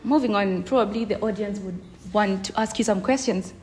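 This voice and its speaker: A woman interviewer asking plain, steady questions. Her voice is mellow and warm, at a middle pitch for a woman. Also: brisk.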